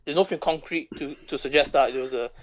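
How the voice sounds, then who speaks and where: A man calling in to a debate, measured and hesitant, often pausing with fillers. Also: mid-range voice, rough recording. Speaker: caller. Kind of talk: call-in debate.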